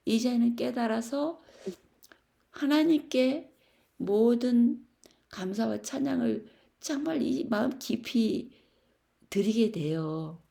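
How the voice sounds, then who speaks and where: A middle-aged woman from Korea sharing a reflective, confessional faith testimony in a Bible study, with soft laughs and fillers. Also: fairly high pitch, lively intonation, takes it slowly, vocal fry.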